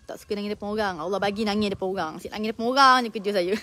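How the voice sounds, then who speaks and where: A woman hosting a casual live stream, expressive and full of religious exclamations. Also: mid-range voice, racing.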